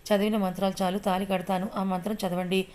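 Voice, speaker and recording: A woman's voice: medium pitch, little pitch movement, fast, darkish tone, close to an everyday voice. A woman voicing a possessive young male villain in an audio story, taunting and threatening. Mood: menacing.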